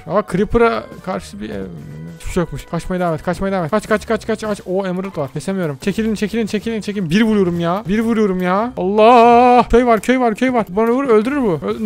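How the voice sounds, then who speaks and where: A man hosting a gaming video with casual play-by-play commentary, excitable, with sudden yelps and frequent asides to his viewers. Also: high-pitched.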